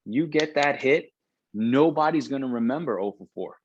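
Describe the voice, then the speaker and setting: A man's voice: mid-range voice, expressive, moderate pace, highs cut off, a little hiss or hum. A middle-aged man in a casual conversation, talking in long rambling stretches with frequent restarts. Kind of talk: casual conversation about baseball.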